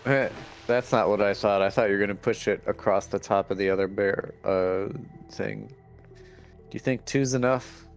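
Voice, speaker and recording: Game music sits in the background as a man co-hosting a let's play gives casual commentary, reading in-game text out loud and commenting sarcastically. His voice is on the low side, with fairly even intonation and a normal speed.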